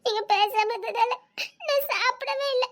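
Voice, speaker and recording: A woman's voice: very high voice, normal speed, fairly bright tone. A woman with a Tirunelveli Tamil accent playing a heartbroken young woman who pleads tearfully, with nervous laughs. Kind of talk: romantic short-drama acting.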